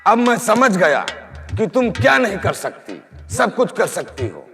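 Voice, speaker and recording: A man's voice: sits high, wildly swooping pitch, unhurried, vocal fry, fairly bright tone, exaggerated voice. Treacherous fawning minister male actor, raised theatrical voice, folk stage villain, ringing echo with music behind. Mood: fawning, amorous. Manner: oily, boastful, theatrical. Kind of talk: Nautanki folk stage melodrama. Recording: echoey stage sound system with music.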